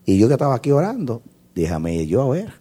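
A male pastor with a slightly husky voice delivers a sermon as a story, acting out conversations and laughing at his own anecdote. His pitch swings widely, dropping to hushed, low asides and climbing into loud, bright exclamations. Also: huge pitch swings, fast talker.

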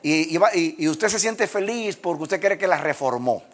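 A man preaches a sermon in a voice pitched a little above most men's. He swings between loud, emphatic bursts and quiet, hushed stretches. He chuckles at his own jokes. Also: expressive, moderate pace. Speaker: pastor.

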